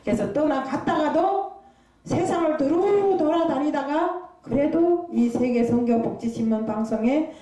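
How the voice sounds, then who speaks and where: A woman's voice: high voice, a little slow, mellow. A woman preaching a confessional sermon, asking rhetorical questions and hesitating often as she talks. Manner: confessional, self-critical. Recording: very echoey room, far from the mic.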